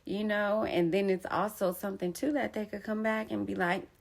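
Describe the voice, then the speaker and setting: She has a medium-pitched, gravelly voice that stays steady at normal speed. The young woman, a poet and storyteller, gives a candid personal telling of betrayal, emphatic and casual, heavy on slang.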